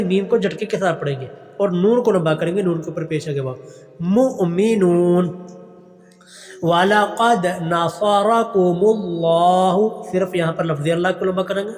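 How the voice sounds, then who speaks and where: A man with a high voice teaches recitation in an online class. He stretches out each chanted verse, then drops to quick, quieter explanations of the rules. The sound trails off in a long reverb, and faint music sits in the background. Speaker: Quran teacher.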